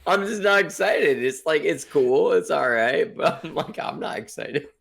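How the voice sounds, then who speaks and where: A man in his twenties co-hosting a gaming podcast, teasing and deadpan in a laid-back way. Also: on the high side, moderate pace, vocal fry. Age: 20s. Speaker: podcast co-host. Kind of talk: casual chat.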